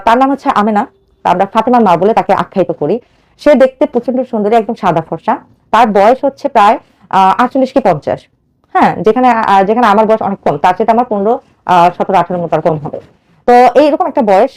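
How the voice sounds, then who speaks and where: A woman's voice: medium pitch, expressive, quick pace, darkish tone. A woman in her thirties from Bangladesh telling a radio host her own life story in an earnest, urgent way, acting out the quoted dialogue as she goes. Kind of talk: emotional personal storytelling.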